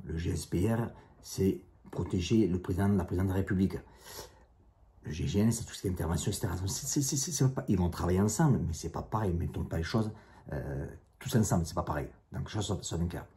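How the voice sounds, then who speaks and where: A man with a strong accent speaks fast and bluntly in a casual monologue to camera. His voice is low and very dark, and he hammers his points home by repeating them. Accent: strong non-native accent in French. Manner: blunt, combative, repeats himself. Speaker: YouTuber, self-defence instructor.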